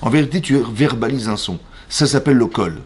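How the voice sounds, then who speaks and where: A man with a French accent, a rabbi giving an animated Torah class in a synagogue, questioning his listeners and acting out voices. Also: medium pitch, a little fast, noisy background. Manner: animated, asks the audience questions, acts out voices. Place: synagogue hall.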